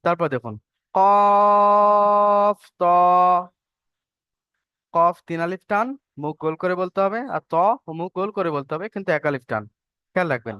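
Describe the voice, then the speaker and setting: A man's voice: fairly high pitch, lively intonation, fast, clear, resonant tone, dry recording, dull audio. A man teaching Arabic letters to an online class, patient and checking often that students follow. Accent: Bengali. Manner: patient, repeats and checks understanding.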